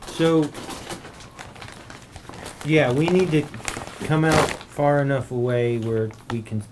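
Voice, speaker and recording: A man's voice: on the high side, takes it slowly, noisy background. A man playing a tabletop game, speaking hesitantly and trailing off in casual in-character play. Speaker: player.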